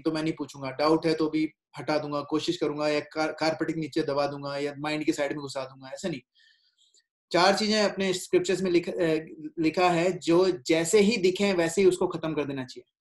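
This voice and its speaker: Conversational man, fairly high voice. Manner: conversational, keeps checking in with listeners; mixes in English words and phrases. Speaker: devotional speaker. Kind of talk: informal spiritual class.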